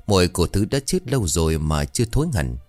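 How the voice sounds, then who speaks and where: Low-voiced man telling a ghost story. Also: big pitch swings, quick pace, darkish tone, faint music behind. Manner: dramatic, suspenseful storytelling. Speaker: narrator. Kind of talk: scripted ghost story narration.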